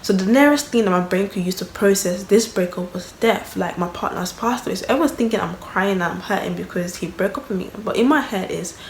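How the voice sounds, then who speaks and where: A woman's voice: medium pitch, brisk, few pauses. A young woman telling a personal story in a candid vlog, rambling and emotional, full of fillers. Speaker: vlogger. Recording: echoey room, faint background noise.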